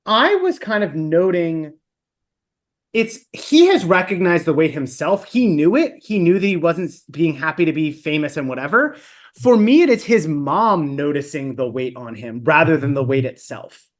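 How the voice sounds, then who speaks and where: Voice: medium pitch, animated, normal speed. A podcast co-host in a casual book discussion, thinking aloud and reflecting on the characters.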